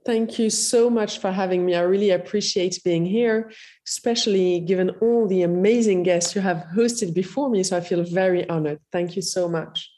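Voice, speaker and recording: A woman with a blended French, Iranian and Moroccan accent speaks as an interview guest. Her voice is low and very mellow. She tells her story in a measured, polite, conversational way. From Morocco, later France. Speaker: podcast guest, health platform founder.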